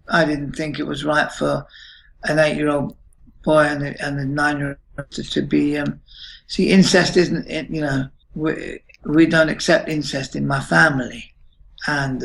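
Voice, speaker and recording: Gravelly man in his fifties. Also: on the high side, fairly even intonation, fairly bright tone, slight background noise, poor audio. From United Kingdom. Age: 50s. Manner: halting, many restarts and pauses. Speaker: interviewee. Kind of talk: emotional personal account.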